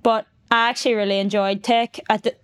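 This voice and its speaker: A woman's voice: medium pitch, little pitch movement, brisk, clear, resonant tone. A young woman with a Donegal Irish accent, chatting casually as a podcast guest. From County Donegal, Ireland. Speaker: podcast guest, newly qualified fitness coach. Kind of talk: casual chat.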